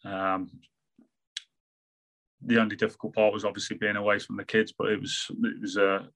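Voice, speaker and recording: A former footballer with an English Midlands accent, talking in a casual podcast interview with halting, restarting sentences. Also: male voice, on the low side, flat delivery, fairly bright tone, low-quality recording. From England. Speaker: football manager and former player.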